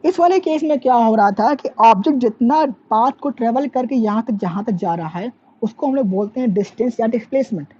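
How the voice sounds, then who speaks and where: A woman's voice: on the high side, a little fast, hardly any pauses, dark tone, breathy edge. Lo-fi recording of a woman teaching physics. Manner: asks questions and answers them herself; mixes English terms into Hindi. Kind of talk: classroom lecture. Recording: dull lo-fi sound with faint background noise.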